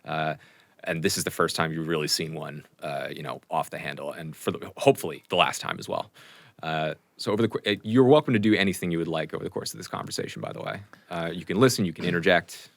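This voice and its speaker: Deep-voiced game master, loose and chatty, heavy on fillers, close and dry. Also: male voice, expressive, fast, gravelly, dry recording. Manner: casual, filler-heavy, chuckling narration. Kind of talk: narrating a tabletop game.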